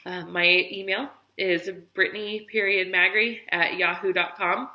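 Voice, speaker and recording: A woman's voice: medium pitch, fairly even intonation, measured pace, bright, forceful tone, roomy sound, rough recording. A woman in her thirties telling her personal story in a vlog, earnest and encouraging, tired and near tears at times. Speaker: vlogger sharing her weight-loss business story.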